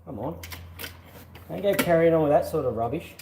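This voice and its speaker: A man's voice: a little high, fairly quick, creaky. A man chatting casually to viewers in laid-back, jokey slang as he works on a car. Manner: laid-back, slangy, jokey, talks to himself while working. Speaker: amateur mechanic vlogger. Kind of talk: casual hands-on car vlog chat to viewers. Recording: echoey, noisy workspace with clanking.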